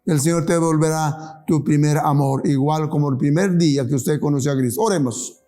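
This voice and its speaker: A man preaching a sermon and leading a closing prayer, earnest and pleading, slowing down to stress key phrases. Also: on the high side, steady tone, dark tone. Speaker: pastor.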